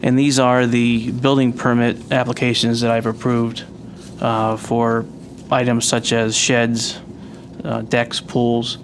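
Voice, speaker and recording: Even-toned man giving a halting official report. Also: medium pitch. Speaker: wetlands agent giving a report. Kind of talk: spoken report at a public meeting. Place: municipal agency meeting. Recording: faint background noise, meeting room.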